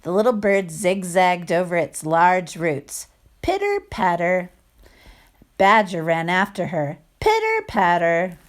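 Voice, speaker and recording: A teacher with a lowish voice reads a children's picture book slowly to kids. Her animated read-aloud is expressive, acting out sound words, asking listeners questions and adding chatty asides.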